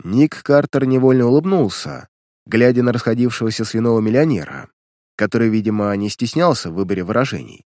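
A man's voice: medium pitch, expressive, fairly quick, a little mellow, no room sound, studio quality. A man reading a story aloud as an audiobook narrator, telling it expressively. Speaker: audiobook reader. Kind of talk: scripted narration.

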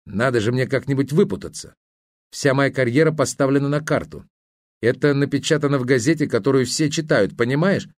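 A man's voice: medium pitch, brisk, dry recording, clean studio sound, voice pushed up, lightly acted. A man reading the part of an agitated, selfish young male student who presses and pleads insistently. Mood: pressing.

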